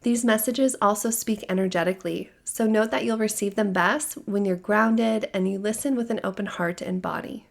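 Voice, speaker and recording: A woman's voice, hoarse from a lingering cold, with a gravelly, fry-laden edge. She talks softly and steadily, guiding the listener through a soothing spiritual monologue as a podcast host, neither high nor low in pitch. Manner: calm, soothing, measured delivery. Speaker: podcast host sharing channeled messages. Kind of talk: gentle spiritual guidance monologue.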